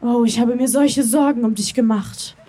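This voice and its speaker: A woman's voice: on the high side, moderate pace, warm tone, natural voice. A woman reading as a tender, adoring young man. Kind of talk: reading a romance story aloud.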